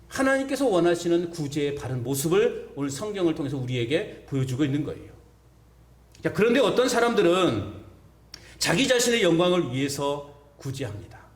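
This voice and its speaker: Animated high-voiced male pastor preaching. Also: a little fast. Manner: preaching to a congregation with rhetorical questions. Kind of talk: sermon. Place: church sanctuary. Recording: echoey church hall.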